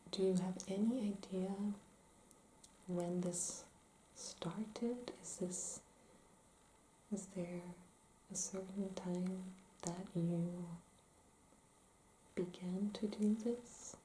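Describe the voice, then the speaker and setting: A woman playing a calm, gentle therapist in an ASMR role-play, asking careful, hesitant questions in soft-spoken ASMR style. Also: on the low side, very slow, pauses often. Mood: calm, attentive. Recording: roomy echo, faint background noise.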